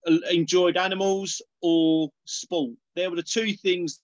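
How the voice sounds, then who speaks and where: Middle-aged Essex man, lighter-pitched, chatting. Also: level tone, a little slow, no echo, highs cut off. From Essex, England. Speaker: podcast guest, organic dairy farmer. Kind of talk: casual conversational interview.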